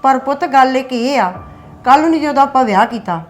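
A woman playing a widowed older mother who counsels her two sons, speaking softly and pleadingly. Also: sits high, lively intonation, a little fast, faint music behind. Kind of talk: scripted web drama acting.

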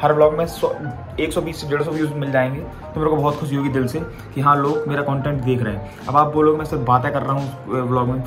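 A man's voice: fairly high pitch, little pitch movement, quick pace, music in the background. A young man chatting casually into a phone held at arm's length, rambling straight to his viewers in a daily vlog. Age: young adult. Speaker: vlogger. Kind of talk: casual vlog chat to camera. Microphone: phone camera held at arm's length.

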